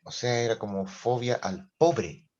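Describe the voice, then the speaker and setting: A man with a Chilean accent teaching an online class, talking in an animated, joking, colloquial way over a video call. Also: medium pitch, measured pace, dull audio.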